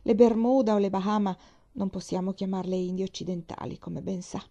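A woman's voice: medium pitch, steady tone, fairly quick, warm tone, lo-fi sound, lightly acted. A woman reading as a forthright navy wife. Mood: recounting.

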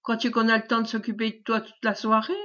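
A woman's voice: a little high, monotone, quick pace, fairly bright tone, natural voice. A woman voicing a brusque but kind middle-aged farmer, on a dull lo-fi recording. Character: gruff kindly middle-aged male farmer.

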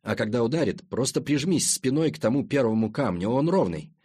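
A steady, dry-humored man giving sea-swimming instructions, as the reader voices him. Husky and level-headed, he speaks with a lively lilt that rises and falls as he explains. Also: medium pitch, a little fast. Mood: instructive. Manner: calm, matter-of-fact, instructive. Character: calm, wry man, experienced swimmer. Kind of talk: audiobook character voice.

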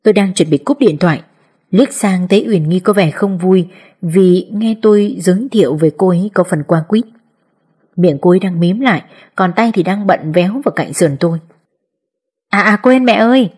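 A woman narrating an audiobook in steady, even storytelling. Her voice sits low and mellow, with a husky, breathy edge. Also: moderate pace. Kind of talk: scripted narration.

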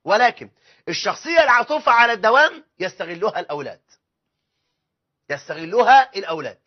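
A man's voice: sits high, very animated, quick pace. A man with an Egyptian accent preaching a sermon, mixing colloquial talk with formal phrases and acting out family dialogues. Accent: Egyptian Arabic. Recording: dull lo-fi recording.

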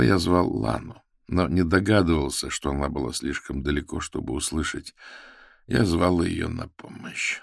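A man reading a first-person audiobook in a measured, grave storytelling manner. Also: very deep voice, gravelly, no echo, studio quality. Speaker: audiobook narrator. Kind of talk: scripted first-person narration.

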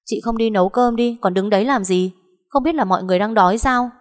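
A woman voicing a spoiled, sly teenage younger sister who talks in a shrill, bossy, whiny way, with a long echoing reverb. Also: animated, a little fast, a little mellow, close to an everyday voice.

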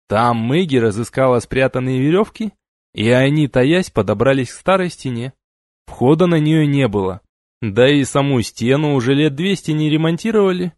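A man's voice: medium pitch, a little mellow, dry recording, clean studio sound. A man narrating a fantasy audiobook expressively, giving each character a voice.

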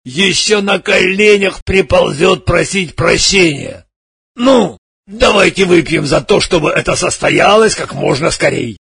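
A man doing a gravelly, booming army major. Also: animated, slow, no echo, heavily acted. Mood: consoling. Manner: loud, hearty, bossy. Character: boisterous jovial middle-aged male army major. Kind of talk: audiobook character voice.

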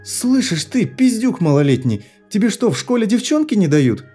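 A man reading an audiobook, voicing a frightened, angry young woman who answers in sharp, indignant retorts. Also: high-pitched, sing-song, moderate pace, slightly rough, soft background music, voice pushed up, heavily acted.

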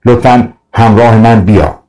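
A man's voice: on the low side, dark tone, recorded from a distance, natural voice, poor audio. A man voicing a commanding river rider.

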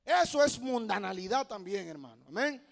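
A man preaching a fiery sermon in a church, shouting and scolding his congregation. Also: high voice, very animated, normal speed, gravelly. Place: church sanctuary.

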